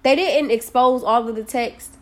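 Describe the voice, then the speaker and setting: Young woman, slightly high voice, blunt, profane, animated casual chat. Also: normal speed. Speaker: podcast co-host.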